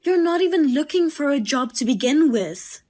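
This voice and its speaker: A woman telling a drama as the narrator and wife, in a calm, measured and firm way. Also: high-pitched, soft background music.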